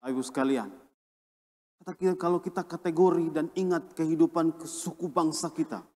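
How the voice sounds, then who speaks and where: A man from Indonesia, a pastor, preaching a sermon with emphatic swings between a raised and a lowered voice. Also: steady tone, a little fast, darkish tone, long reverb tail. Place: church.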